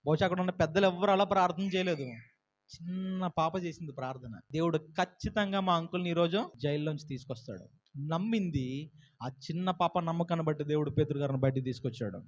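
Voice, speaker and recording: A male pastor preaching a sermon and then leading a closing prayer. He retells a story in an animated way and then prays in a soft, earnest tone. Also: a little high, highs cut off, a little hiss or hum.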